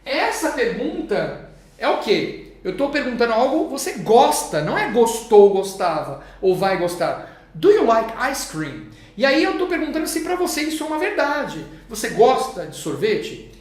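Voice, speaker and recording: A Brazilian teacher explaining grammar to viewers, drawing out the English examples slowly and with emphasis. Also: mid-range voice, very echoey. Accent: Brazilian Portuguese. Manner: lively, stretches English examples slowly and loudly.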